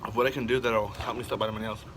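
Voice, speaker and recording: A man's voice: fairly low pitch, fairly even intonation, rapid-fire. Man eating crunchy fried chicken, noisy recording. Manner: eating crunchy fried chicken while talking, smacking, with savoring mms. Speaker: mukbang host. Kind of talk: casual eating chat to camera.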